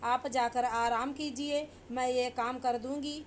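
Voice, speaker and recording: Woman voicing a gentle, dutiful daughter-in-law. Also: high voice, fairly even intonation, measured pace, a little hiss or hum. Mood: earnest. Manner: gentle, earnest.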